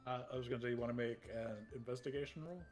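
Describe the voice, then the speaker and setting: A man running a tabletop game as game master, talking in a relaxed, hesitant way and laughing between lines. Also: medium pitch, very fast, faint music behind.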